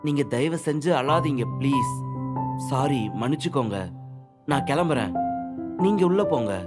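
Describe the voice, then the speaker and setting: A man playing a soft-spoken, troubled young man who talks in a gentle, apologetic way, with soft music behind him. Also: medium pitch, lightly acted. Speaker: male lead. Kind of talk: audiobook drama acting.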